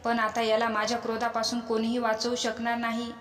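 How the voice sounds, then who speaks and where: A woman's voice: fairly high pitch, monotone, a little fast, faint music behind, natural voice. A woman voicing a furious, arrogant demon king who barks scornful commands, in an echoey space with a long reverb. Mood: enraged.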